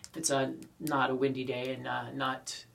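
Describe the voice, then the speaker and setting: This pipe-smoking video creator speaks in a mid-range, gravelly, slightly bright voice, monotone and at normal speed. He chats loosely to viewers with a Canadian accent from a small garden shed, where the distant mic and bad acoustics color the sound.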